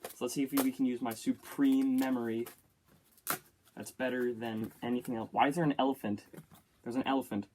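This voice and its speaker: A young man with a medium-pitched voice runs a casual commentary to himself as he builds and plays. He talks in a chatty, joking way and gets excited easily. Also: brisk, a little hiss or hum. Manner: chatty self-talk, easily excited, jokey. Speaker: YouTuber.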